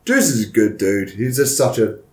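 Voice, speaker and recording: A man's voice: fairly low pitch, normal speed. Chatty Essex man in an echoey room. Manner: chatty, laughs often, lively storytelling. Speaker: professional wrestler, podcast guest. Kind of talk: casual podcast chat.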